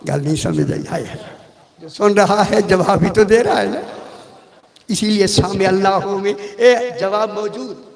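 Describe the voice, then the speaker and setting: A man's voice: high voice, lively intonation, measured pace, vocal fry. A man gives a majlis sermon, telling stories and speaking straight to his listeners. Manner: conversational storytelling, addresses the audience directly. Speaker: religious scholar giving a majlis sermon. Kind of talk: Urdu majlis sermon with anecdotes. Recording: long reverb of a hall.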